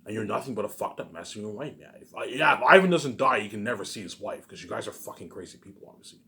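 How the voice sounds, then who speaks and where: Talking fast in a lowish, expressive voice with a slightly bright edge, this man is a self-published author and vlogger on a rambling solo rant. He's profane and boastful, repeats himself, and keeps throwing in "obviously."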